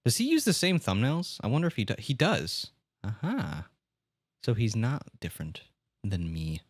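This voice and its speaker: A man's voice: medium pitch, very animated, normal speed, no echo, clean studio sound. A young man streaming, reacting to a video in casual commentary, exasperated and swearing as he rants.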